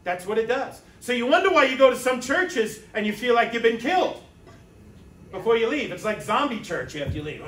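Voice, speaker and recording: A man with a high, bright, ringing voice preaches to his congregation, tossing in asides and "right?" check-ins. He stands back from the mic, so his voice carries a roomy church echo. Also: very animated, brisk. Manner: conversational preaching with rhetorical asides. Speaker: pastor. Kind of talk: sermon. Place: church sanctuary. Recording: echoey church sanctuary from a distance.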